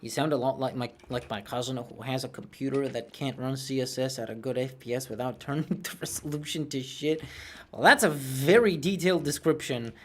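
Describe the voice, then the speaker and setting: Brisk and a bit bright in a mid-range voice, a man in his 20s streams a game while chatting casually, his rambling, self-mocking talk delivered in a cartoonish voice.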